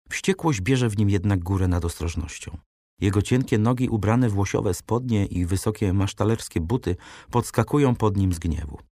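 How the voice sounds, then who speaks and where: A man narrating a classic novel as an audiobook, reading in a measured, dramatic way. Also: fairly low pitch, dark tone, no room sound, clean studio sound. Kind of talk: scripted literary narration.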